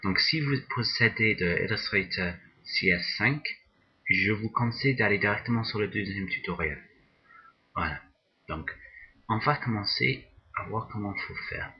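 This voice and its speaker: A man teaching a software drawing tutorial, talking slowly and hesitantly, often repeating words as he works. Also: on the low side, highs cut off. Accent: non-native English pronunciation. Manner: slow, hesitant, repeats words while working. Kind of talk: screen-recorded software tutorial.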